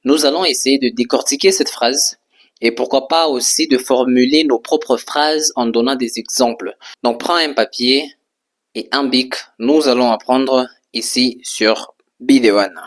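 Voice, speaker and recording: A man teaching English in French at a board, repeating and spelling out each word patiently, often pausing with hesitations. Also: mid-range voice. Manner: slow, patient, repeats words and spells them out; frequent hesitations with "euh". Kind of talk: French-language English lesson at a whiteboard.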